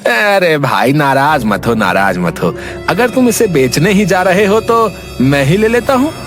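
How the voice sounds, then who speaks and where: A woman's voice: low voice, very animated, unhurried. A woman voicing a nosy village man in a cartoon, wheedling and haggling. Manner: wheedling, bargaining. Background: background music.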